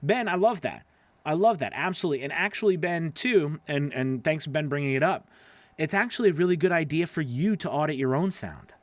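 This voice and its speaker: Brisk and expressive, with a voice a little on the high side, a middle-aged voice-over coach hosts a live stream answering viewers' questions in a casual, advice-giving way. He's emphatic and keeps checking in with the listener. The dry recording is made indoors in a small home studio on a close broadcast mic on a boom arm.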